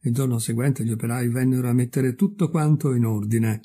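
A man reading a fairy tale aloud in calm, measured, expressive storybook narration. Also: mid-range voice, breathy edge. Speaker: audiobook reader.

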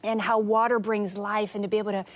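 A middle-aged woman, a talk show guest, telling her story earnestly and with animation, sometimes acting out quotes in a raised, excited voice. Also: medium pitch, fast. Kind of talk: casual talk show testimony.

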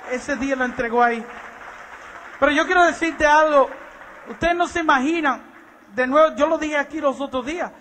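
A male preacher telling a testimony in a sermon, impassioned, swinging from hushed asides to shouts and often repeating a blessing. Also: extremely high pitch, slight background noise. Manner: repeats "bendito sea Dios".

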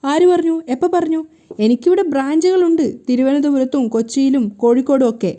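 A woman voicing a smooth-talking, scheming middle-aged man who lies persuasively. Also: high-pitched, steady tone, fast, mellow, lightly acted.

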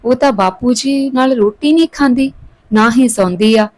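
A woman's voice: on the high side, moderate pace, darkish tone, no echo, voice pushed up, natural voice. A woman voicing a young son caught between his father and brother, uneasy, in a storybook reading. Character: young farmer son, hesitant then irritated.

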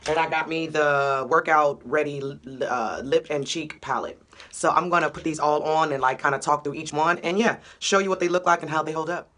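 Here a young woman with a low, fairly bright voice does a casual vlog chat. The upbeat, slangy beauty vlogger holds her phone camera close, recording in a small room at home and later on a city street and at a gym.

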